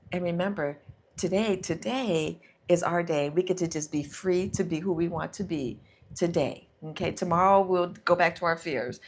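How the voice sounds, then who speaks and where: A woman's voice: on the low side, breathy edge. A middle-aged woman hosting a casual motivational live stream, talking herself through fears aloud and reading comments from viewers. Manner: warm encouraging, talks to herself aloud, reads viewer comments. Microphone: handheld or clip mic.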